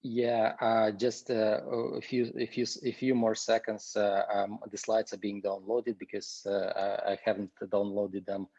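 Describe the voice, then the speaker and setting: A man hosting an online conference over a video call, speaking in a halting way with many fillers and restarts. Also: lowish voice, little pitch movement, warm tone, no room sound. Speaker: host. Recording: dull, dry, lo-fi sound.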